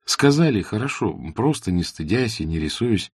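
A man's voice: lowish voice, big pitch swings, normal speed, a little mellow, husky, dry recording, clean studio sound, voice pushed up. A man voicing a friendly, inquisitive young man in a classic novel audiobook, probing and earnest. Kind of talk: audiobook character reading.

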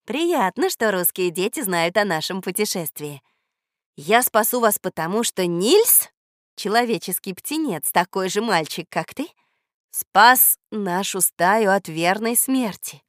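A woman voicing a stern, wise old female wild goose who leads her flock, speaking loudly and with measured authority. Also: medium pitch, expressive, dry recording, studio quality. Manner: commanding, loud and measured. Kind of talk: audiobook character voice.

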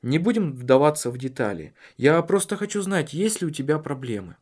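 A man voicing a calm, measured husband in an audiobook, speaking earnestly and carefully. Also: fairly high pitch, voice pushed up. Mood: earnest, probing.

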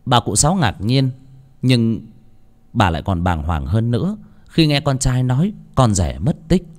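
A man narrating a serialized novel in an expressive, dramatic storytelling manner. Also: medium pitch, normal speed. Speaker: audiobook narrator. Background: faint background music.

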